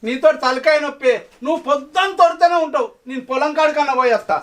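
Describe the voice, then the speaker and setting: A middle-aged man with a Telangana Telugu accent, acting as a tired village husband who tries to calm his quarrelling wife. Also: very high voice, quick pace, heavy background noise. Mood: exasperated. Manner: placating, exasperated. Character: weary, peace-keeping village husband and farmer. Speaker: village father-in-law. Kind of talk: village short-film acting. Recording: background music under dialogue. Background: film music.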